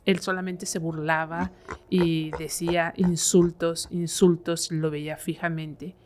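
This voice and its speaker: A woman's voice: fairly low pitch, level tone, unhurried, a little mellow, slight background noise. A woman, a podcast guest, telling a horror story in a conversational way, full of fillers. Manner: conversational, many fillers like "eh" and "este".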